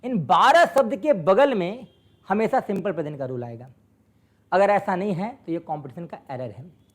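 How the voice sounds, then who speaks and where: A man with an Indian accent teaching English grammar in a classroom lecture, slowly repeating key words to drill his students. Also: sits high, animated.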